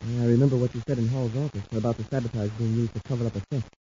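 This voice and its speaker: An eager young cadet sidekick, acted by a man, talks quickly and earnestly to his superior. His tone is mellow and folksy, in fifties radio adventure style. The old recording sounds dull, with some hiss. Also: medium pitch, steady tone, close to an everyday voice. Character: eager young male space cadet sidekick, loyal, boyish. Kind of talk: 1950s radio adventure serial acting. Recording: muffled, noisy old radio broadcast recording.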